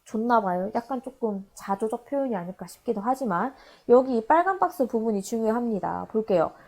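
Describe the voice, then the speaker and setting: A woman teaching a high school literature class in a recorded online lecture, explaining an old poem by acting out its lines in casual paraphrase. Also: lively intonation, fairly quick, a little mellow.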